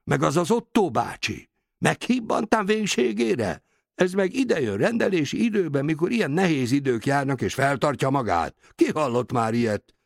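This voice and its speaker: A man's voice: fairly high pitch, expressive, gravelly, dry recording, pitched above the performer's own voice. Man voicing a nosy female nurse, indignant, huffy, audiobook, dry close sound. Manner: huffy, prying.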